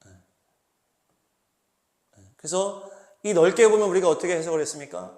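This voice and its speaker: A male pastor preaching a sermon, acting out angry outbursts and questions in an animated way. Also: high-pitched, normal speed, reverberant. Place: small church hall.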